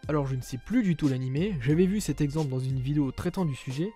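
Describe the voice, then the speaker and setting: Young male vlogger, loose slangy delivery, warm dark tone over quiet music. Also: a little high. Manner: slangy, conversational, addresses viewers directly. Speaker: anime YouTuber. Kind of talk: casual opinion vlog. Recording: faint background music.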